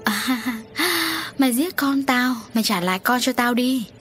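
A woman narrator voicing a crazed grieving village mother who cackles and sobs out shrill accusations. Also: fairly quick, a bit bright, a little hiss or hum, lightly acted. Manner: shrill, laughing and sobbing accusations.

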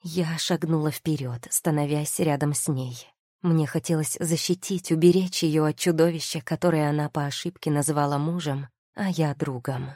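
Low voiced woman reading a novel aloud, measured, dry close mic. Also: steady tone, warm tone, no room sound. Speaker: audiobook narrator. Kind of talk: first-person audiobook narration.

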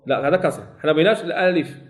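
A man with a Moroccan Arabic accent teaching a Quran recitation class. He corrects his students and stretches out sample words slowly, saying them again and again. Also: a little high, lively intonation. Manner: corrects students and checks they follow. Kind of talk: classroom tajweed lesson.

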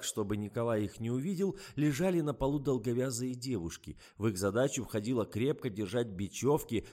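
A man's voice: medium pitch, a little mellow. A man reading a comic novel aloud as scripted narration, with a wry, ironic delivery. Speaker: audiobook reader.

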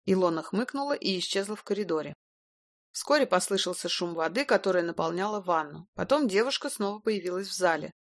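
A woman reading a first-person detective novel aloud in a brisk, wry, even narrating manner. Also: fairly low pitch, no room sound, clean studio sound. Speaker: audiobook narrator.

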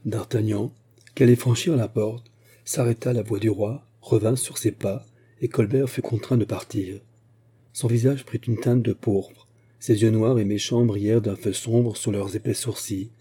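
A man narrating a classic novel as an audiobook in a measured, even storytelling manner. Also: fairly low pitch, slightly rough.

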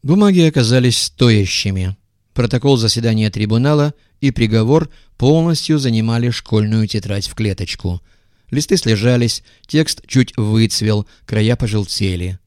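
A man narrating an audiobook in a measured, even manner. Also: fairly low pitch, no room sound, studio quality. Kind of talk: scripted narration.

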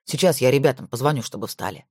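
A woman reading a grumpy, nervous middle-aged male boss in an audiobook, grumbling low. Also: expressive, fast talker, breathy edge, no room sound, studio quality, exaggerated voice.

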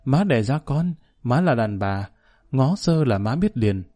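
A man voicing a cold, blunt middle-aged mother who speaks in a flat, even, dry delivery. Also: medium pitch, measured pace. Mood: cold steady.

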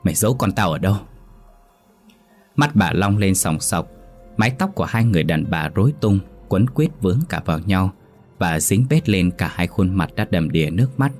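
A man with a very low voice reads out a horror tale in a steady, dramatic way. Faint music plays beneath his narration. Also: normal speed. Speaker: storyteller.

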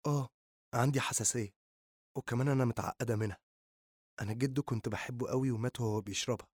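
A man's voice: medium pitch, fairly even intonation, fast talker, a little mellow, no echo, studio quality, natural voice. A man voicing a shy, caring Egyptian teenage girl. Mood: sincere. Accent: Egyptian Arabic. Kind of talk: audiobook reading.

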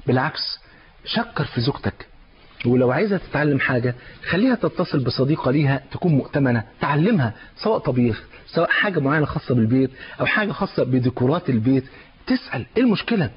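A man's voice: medium pitch, quick pace, breathy edge. A male preacher with an Egyptian accent giving a colloquial religious lecture, joking and acting out small everyday scenes. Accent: Egyptian Arabic. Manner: lively, joking, acts out little scenes. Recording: dull lo-fi sound.

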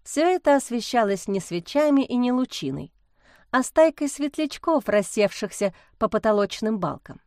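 A woman reading a fairy-tale audiobook chapter as narrator, in an even storytelling manner. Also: fairly high pitch, moderate pace, no echo, studio quality. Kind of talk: scripted narration.

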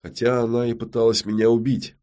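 A man's voice: medium pitch, level tone, a little fast, dark tone, voice pushed up, natural voice. A man voicing a wary male detective with a restrained, wry delivery.

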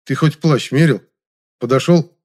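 A man's voice: on the high side, unhurried, darkish tone, voice pushed up. Man doing a dry, sarcastic young hero. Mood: sardonic.

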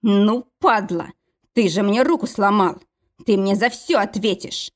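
A woman's voice: medium pitch, unhurried, close to an everyday voice. Woman doing a growling young male thug. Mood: menacing. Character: big hulking young male thug, menacing.

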